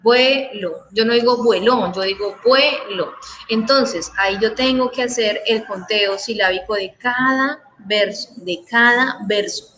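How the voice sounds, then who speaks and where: A woman's voice: a little high, measured pace, hardly any pauses, pushed and bright, a little hiss or hum, poor audio. A Colombian woman teacher, middle-aged, patiently explaining verse to students in an online class and checking that they follow. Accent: Colombian Spanish. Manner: patient, checks understanding with frequent questions.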